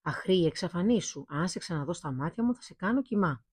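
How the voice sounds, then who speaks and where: A woman voicing a burly, rude male blacksmith who shouts insults at his guests. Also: fairly low pitch, animated, breathy edge, no room sound. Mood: gruff.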